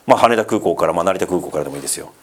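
The preacher here has a deep, animated voice and talks rapid-fire, with a little hiss or hum on the recording. His sermon is casual and conversational, loaded with fillers and asides, and he chats with the congregation, questioning and teasing them.

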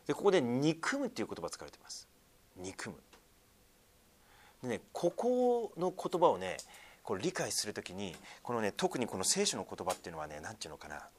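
A man preaching a sermon to a congregation, with frequent fillers, sometimes calling on listeners directly. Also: moderate pace. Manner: lively swings in pitch and loudness, many fillers, asks congregation. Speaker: pastor.

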